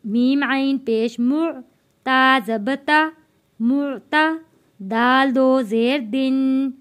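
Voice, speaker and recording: A woman teacher with a high, clear and smooth voice. She talks slowly and patiently, spelling out each letter and vowel mark, then stretching the joined syllables in a measured recitation lesson. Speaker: Quran reading teacher. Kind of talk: slow step-by-step recitation lesson.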